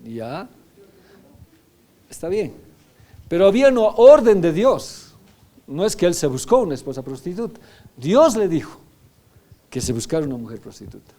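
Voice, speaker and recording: Pastor preaching in a mellow voice. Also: male voice, on the high side, sing-song, normal speed, pauses often. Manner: teaching, often checking in with "¿ya?". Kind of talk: sermon.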